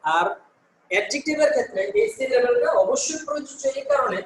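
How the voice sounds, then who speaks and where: A man's voice: extremely high pitch, animated, fast talker, reverberant, rough recording. A male teacher from Bangladesh giving an online class, explaining step by step, answering his own questions and correcting himself with "sorry". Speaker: English teacher.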